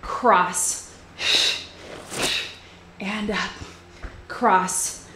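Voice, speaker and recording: A woman's voice: medium pitch, steady tone, extremely slow, reverberant, heavy background noise. A young woman leading a live bodyweight workout as fitness instructor, calling out cues while exercising along and a little out of breath.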